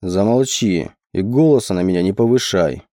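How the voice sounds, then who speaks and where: A man voicing a huge, gruff and domineering forest man who speaks slowly and low in commands. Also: sing-song, dark tone, no room sound, studio quality. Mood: growling. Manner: slow, low, growling commands.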